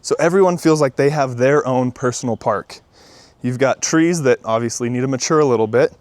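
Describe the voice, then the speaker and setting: A man's voice: medium pitch, a little fast, darkish tone. A man working as a real estate agent gives a casual walk-through home tour in an upbeat, enthusiastic manner.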